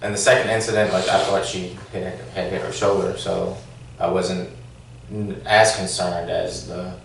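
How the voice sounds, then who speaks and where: A low, gravelly man answers questions at a formal hearing in a flat, hesitant way, full of fillers and restarts. His voice sits far from the mic in an echoey room with faint hiss behind. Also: moderate pace. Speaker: former police officer answering questions.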